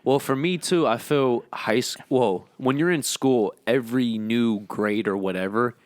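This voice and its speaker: A man's voice: medium pitch, measured pace, no echo. Earnest young man in his twenties, dry sound. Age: 20s. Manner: reflective, earnest, says "bro" and "dude". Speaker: podcast co-host. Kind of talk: casual chat.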